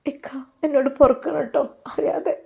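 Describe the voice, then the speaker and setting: A woman's voice: high voice, flat delivery, a little fast, creaky, mellow, pitched above the performer's own voice. A woman voicing a remorseful young wife, pleading and apologetic.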